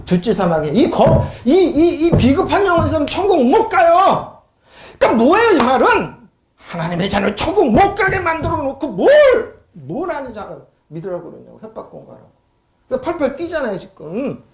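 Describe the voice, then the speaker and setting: A woman's voice: sits high, big pitch swings, fairly quick, roomy sound. A woman pastor preaching a sermon and reading scripture, emphatic and full of rhetorical questions to the congregation.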